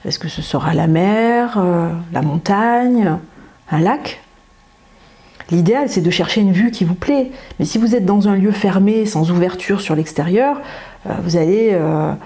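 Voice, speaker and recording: A woman psychologist guiding a listener through slow breathing and calming self-talk, with soothing repetitions and the odd "hein" or "euh". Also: on the low side. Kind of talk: guided breathing and relaxation instruction.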